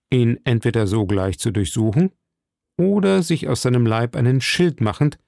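A man reading a classic adventure novel aloud as an audiobook, in measured storytelling. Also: medium pitch, creaky, mellow, no room sound, clean studio sound. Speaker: audiobook reader.

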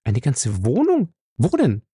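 A man's voice: medium pitch, wildly swooping pitch, slow, dark tone, breathy edge, no room sound, clean studio sound, exaggerated voice. A man reading aloud and voicing an anxious young woman who asks worried, urgent questions.

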